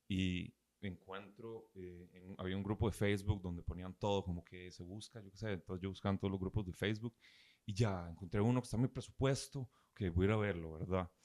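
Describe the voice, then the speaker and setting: A young man in his twenties with a Costa Rican accent, telling a rambling story in casual chat full of slang and filler tags. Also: low-pitched.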